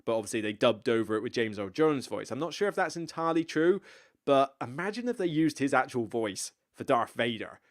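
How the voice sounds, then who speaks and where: A man's voice: mid-range voice, animated, fairly quick. Chatty West Country man in his thirties. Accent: West Country Somerset, slightly blurred. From West Country, England. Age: 30s. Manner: rambling, chatty, self-deprecating with frequent asides. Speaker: board game channel host. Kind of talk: casual live Q&A chat.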